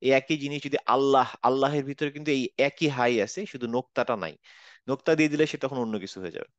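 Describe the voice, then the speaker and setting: A man in an online class patiently demonstrates how Quran letters are pronounced, saying each sound again and again. He speaks very fast in a smooth, mid-range voice, and the recording is muffled, with no echo.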